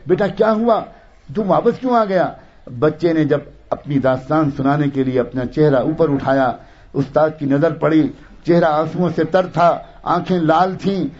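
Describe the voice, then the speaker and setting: A man narrating a moral story with emotive, dramatic delivery. His voice sits on the high side for a man. The recording is dull and lo-fi. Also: a little mellow.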